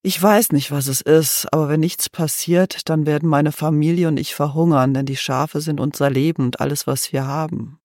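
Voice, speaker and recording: A man's voice: on the high side, steady tone, normal speed, few pauses, a little mellow, dry recording, studio quality, natural voice. A man voicing a bitter, weary shepherd. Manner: sighing, bitter, unbelieving. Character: poor weary male shepherd, bitter, pleading. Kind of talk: storybook reading.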